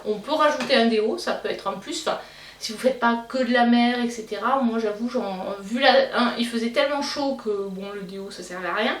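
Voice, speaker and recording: A woman's voice: fairly high pitch, fairly quick. Belgian woman chatting casually with many fillers. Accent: Belgian French. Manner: hesitant, many fillers and restarts. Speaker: beauty vlogger. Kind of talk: casual chat. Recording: roomy, slightly distant mic, faint noise.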